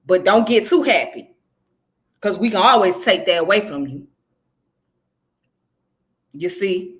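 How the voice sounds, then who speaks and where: A history presenter from Georgia in the southern United States speaks in a medium-pitched, slightly bright voice, animated and unhurried. Her educational commentary is informal and conversational, and she often checks in with the listener.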